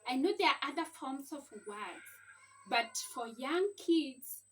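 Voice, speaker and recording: A woman with a high, lively voice teaches a home reading lesson for a home-learning video, explaining informally to parents. She's unhurried and deliberate, sounding out letters and words and posing rhetorical questions. She's recorded a little away from the mic, with slight background noise.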